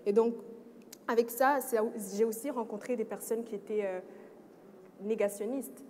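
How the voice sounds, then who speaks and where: A woman's voice: a little high, fairly even intonation, normal speed, darkish tone. A young woman from Rwanda speaking on a panel, earnest and mixing French with English. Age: young adult. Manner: earnest, switches between French and English, frequent restarts. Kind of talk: personal testimony on a panel. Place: event hall. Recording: long reverb of a hall, faint noise.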